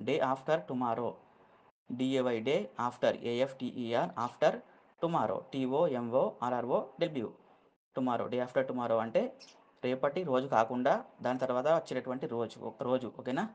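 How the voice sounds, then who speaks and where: A man's voice: medium pitch, darkish tone. A man teaching English vocabulary, spelling words letter by letter and checking in with the learner often.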